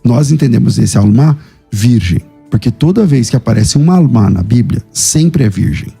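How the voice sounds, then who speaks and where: Man, husky gravelly voice, insistent debater quoting scripture. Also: medium pitch, lively intonation, normal speed, mellow, faint music behind. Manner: insistent, questioning, quotes scripture. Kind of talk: theological debate.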